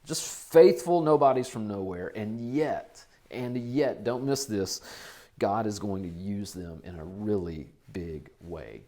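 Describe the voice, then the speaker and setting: A man's voice: lowish voice, slow pace, warm tone. A man, preaching a conversational sermon to his congregation and to viewers online. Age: 40s. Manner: conversational, repeats phrases for emphasis. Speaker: pastor. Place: church.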